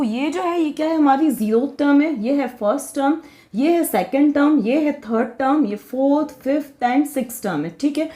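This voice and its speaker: A woman's voice: high-pitched, a little mellow. A young woman teaching programming, explaining patiently step by step and answering her own questions as she goes. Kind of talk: Hindi coding tutorial.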